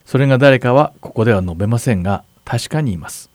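A man serving as pastor, calmly explaining scripture in a Bible question-and-answer talk. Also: mid-range voice, fast talker, no echo. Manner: calm, explanatory, asks partner to read verses. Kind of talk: Bible Q&A teaching.

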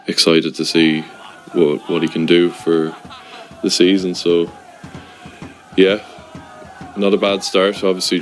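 Very deep-voiced west of Ireland man. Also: low-quality recording. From Sligo, west of Ireland. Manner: hesitant, pausing often mid-thought. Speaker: football supporter sending in a match reaction. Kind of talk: informal spoken match review.

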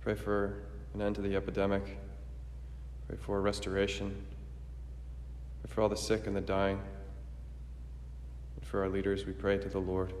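Man, priest at the altar, solemn liturgical prayer, even intonation, measured and formal, long cathedral echo. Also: sits low, a little hiss or hum. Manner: measured, reverent, formal recitation. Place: large echoey church.

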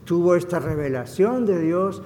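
Man, pastor, sermon, high-pitched, fervent, echoey hall. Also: lively intonation, moderate pace, slight background noise. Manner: fervent preaching, swinging between hushed and loud emphasis; drops in short English phrases. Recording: reverberant hall.

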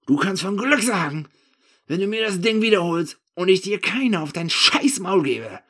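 A man voicing his own drunk, furious younger self, slurring and shouting. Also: mid-range voice, lively intonation, a little slow, slightly rough.

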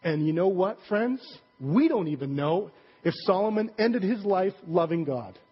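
A man's voice: high-pitched, lively intonation, normal speed, slightly rough. A male pastor preaching a sermon in a conversational, joking way, full of fillers and asides. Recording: dull recording with long hall reverb.

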